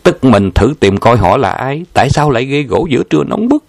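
A man calmly reading a memoir aloud in a descriptive storytelling manner. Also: mid-range voice, a little fast, vocal fry, no echo. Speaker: narrator.

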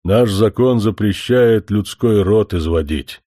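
A man voicing a young male forest spirit who speaks slowly and solemnly, a little louder than his narration. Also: fairly low pitch, dry recording, studio quality. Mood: earnest. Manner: slow, deliberate, solemn.

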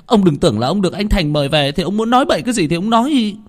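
A man voicing a combative middle-aged aunt who scolds in a shrill voice. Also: expressive, rapid-fire. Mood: furious.

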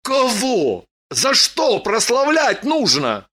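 A woman's voice: a little high, wildly swooping pitch, slow, a bit bright, husky, voice pushed up, full character voice. A woman voicing a bitter, confused young warrior man, heavy and sullen in tone.

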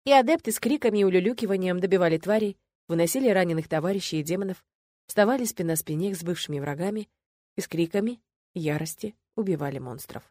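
A woman narrating a first-person fantasy audiobook in an expressive, lively way. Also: fairly low pitch, fast talker, dry recording, clean studio sound. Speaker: audiobook reader.

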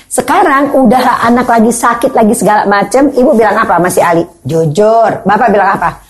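Older lady at a parenting seminar, animated, keeps asking the crowd stuff and doing parent voices. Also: fairly high pitch, a little fast. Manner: lively, acts out scolding parents, asks audience questions. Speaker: parenting speaker.

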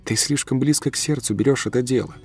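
A man voicing a gentle, reproachful woman ghost in an audiobook reading. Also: mid-range voice, fast talker, faint music behind, voice pushed up, natural voice. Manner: soft, chiding.

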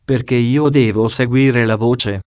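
A guy reading the lines of a calm young lady ghost, slow and solemn, storybook style. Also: mid-range voice, no echo, lightly acted. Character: calm ghost of a young woman, gentle and grave.

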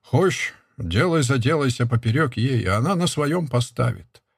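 Reader doing a bitter bearded deserter, curt and husky, mid pitch. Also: male voice, lively intonation, moderate pace, no room sound, studio quality. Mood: brooding. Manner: low, curt and brooding. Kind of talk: audiobook character reading.

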